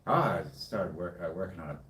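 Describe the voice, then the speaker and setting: A man's voice: low-pitched, lively intonation, fairly quick, fairly bright tone. A man, chatting casually in a laid-back, rambling way. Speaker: co-host and hobby music producer. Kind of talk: casual chat. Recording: roomy, distant, faint background noise.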